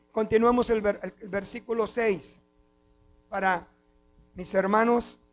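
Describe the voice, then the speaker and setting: High-voiced Mexican pastor preaching slowly. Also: male voice. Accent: Mexican Spanish. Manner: preaching with repeated "mis hermanos" and "amén". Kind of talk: sermon. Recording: dull lo-fi with mains hum.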